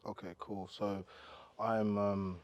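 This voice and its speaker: Low-voiced man telling his story. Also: slow pace, dry recording, muffled recording. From Cameroon. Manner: relaxed, rambling storytelling with many fillers. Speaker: podcast guest. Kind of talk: casual interview chat.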